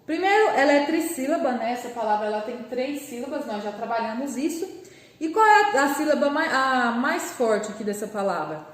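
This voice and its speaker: A Brazilian woman gives a lesson to young children, patiently sounding out each word syllable by syllable. Her voice sits high. The recording carries a noticeable room echo. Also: expressive. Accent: Brazilian Portuguese. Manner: patient, slow, spells words out syllable by syllable. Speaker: primary school teacher. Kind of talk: remote class lesson.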